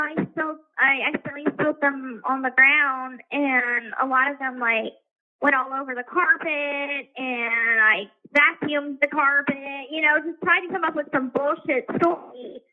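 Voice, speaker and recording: A woman speaking from a prison payphone call, talking in a hesitant, rambling way with many fillers. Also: high voice. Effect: prison payphone call over a tinny phone line. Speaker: inmate calling from a correctional facility. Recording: tinny phone line.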